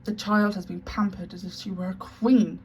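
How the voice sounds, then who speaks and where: A woman's voice: medium pitch, steady tone, moderate pace, a little mellow, a little hiss or hum, natural voice. A woman doing a cold, stern headmistress. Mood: harsh. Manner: harsh, clipped commands.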